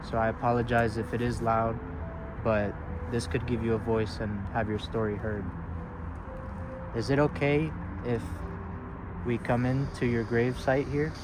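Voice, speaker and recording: A man with a mid-pitched voice hosts a casual outdoor ghost hunt. He speaks politely and coaxingly, as if to someone unseen, and explains things simply. Clear traffic and city ambience runs behind him. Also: steady tone, a little slow. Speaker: paranormal investigator hosting a video. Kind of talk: casual narration and gentle questions to spirits. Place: outdoors at a roadside parking lot grave site.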